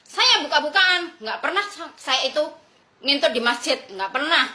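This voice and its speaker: A brash woman with a high, bright voice rants angrily on a livestream, mocking and swearing as she goes. Her pitch swings widely and she lets out scornful laughs. The sound is echoey, as in a hard-walled room. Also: expressive, moderate pace. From Indonesia. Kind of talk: angry livestream rant.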